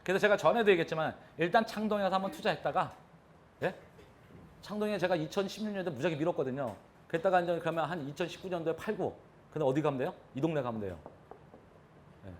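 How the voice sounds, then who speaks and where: A man's voice: a little high, lively intonation, fast, a little hiss or hum. A man giving a live real estate lecture, talking animatedly and throwing questions at his audience.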